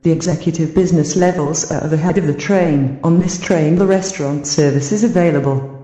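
A woman gives train station announcements, calm and measured. Her voice is mellow and fairly low. It echoes through a reverberant hall. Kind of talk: formal scripted announcement.

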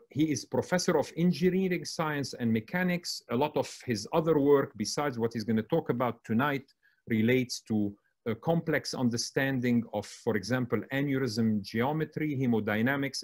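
A man's voice: mid-range voice, moderate pace. A man from Lebanon moderating a medical webinar, introducing panelists and speakers in an admiring tone with frequent fillers and restarts. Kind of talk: formal introductions at an online conference.

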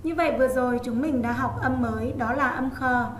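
A woman teaching an online reading lesson to young children, stretching out each sound slowly as she spells out syllables. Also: high-pitched, reverberant, a little hiss or hum. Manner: slow, drawn-out sounding out of letters. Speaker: online primary school teacher.

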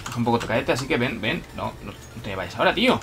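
A young man from Spain with a Spanish accent, giving live gameplay commentary, excitable, bursting into shouts and playful taunts. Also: mid-range voice, fast, vocal fry, background noise. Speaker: gaming commentator. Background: electronic background music.

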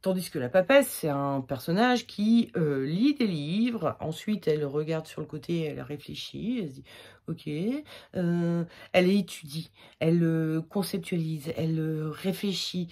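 A woman's voice: sits low, a little slow, darkish tone. A woman giving a casual weekly tarot reading, chatty and rambling with many fillers, her throat slightly irritated. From France. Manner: jokey, laughs at her own slips. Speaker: tarot reader.

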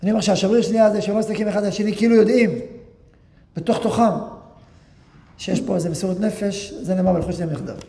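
Gravelly high-voiced man giving a eulogy. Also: long pauses. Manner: storytelling, reenacts dialogue in lively voices. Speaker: yeshiva rabbi giving a eulogy. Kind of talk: memorial eulogy with storytelling.

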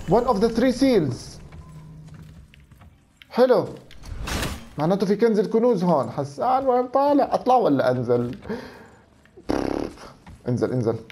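Male streamer, thirties, Levantine accent, high and very animated, exclaiming game commentary. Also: slight background noise. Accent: Levantine Arabic. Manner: animated, exclaiming, talking to himself. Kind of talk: excited let's play commentary, switching between Arabic and English.

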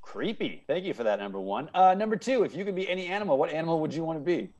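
Dull audio captures a rapid-fire man whose darkish voice is a little high, with lively intonation. In his thirties, he's an improv teacher hosting a playful video-call game show from a room at home, upbeat and often echoing answers.

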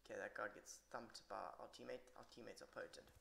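A man's voice: on the low side, fairly even intonation, a little fast, vocal fry, fairly bright tone, a little hiss or hum. A tired man giving rambling, irritable live commentary on his own match and swearing a lot. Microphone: poor computer mic.

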